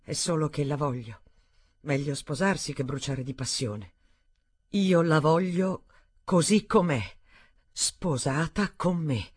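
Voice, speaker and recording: A woman's voice: deep voice, takes it slowly, a little mellow, husky, no echo, full character voice. A woman reading the part of a stubborn, earnest young man in an audiobook, speaking firmly with restrained anger. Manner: firm, blunt, restrained anger.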